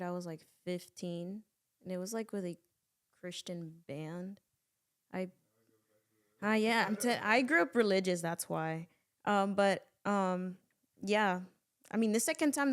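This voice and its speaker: A woman in her late twenties, a band member guest in a casual interview, relaxed and reflective. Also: mid-range voice. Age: late 20s.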